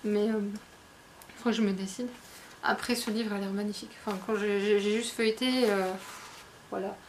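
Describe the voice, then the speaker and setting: A woman's voice: mid-range voice, fairly even intonation, moderate pace, a little hiss or hum. A woman book vlogger chatting casually about her new books, hesitant and full of fillers. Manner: chatty, hesitant, many fillers, laughs often. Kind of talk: casual book haul chat.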